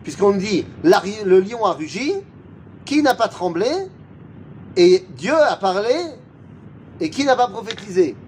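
A man's voice: high-pitched, lively intonation, a little slow, pauses often, darkish tone, slight background noise. A man teaching a Torah lesson. He chants Hebrew verses and answers his own rhetorical questions. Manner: chants Hebrew verses between French explanation. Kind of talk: religious lesson.

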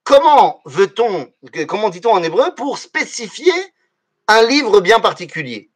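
Guy teaching a class, super lively up and down voice, keeps asking the students questions. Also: high-pitched, unhurried. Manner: animated, asks the class rhetorical questions. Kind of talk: lively explanatory lesson.

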